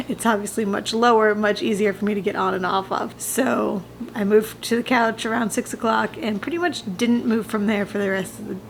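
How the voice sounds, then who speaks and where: A woman's voice: on the high side, slight background noise. A young woman vlogging in a chatty way, a little out of breath, correcting herself and laughing between sentences. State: slightly out of breath. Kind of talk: casual personal vlog.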